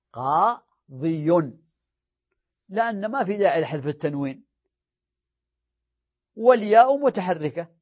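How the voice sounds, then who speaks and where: A man, a sheikh, teaching an Arabic morphology lesson. He chants verb forms in a drill, explains them more quietly, and corrects himself as he goes. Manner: recites paradigms in a sing-song drill, then explains in a lower voice; corrects himself mid-sentence. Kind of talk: classroom grammar lesson. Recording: dull lo-fi lecture recording.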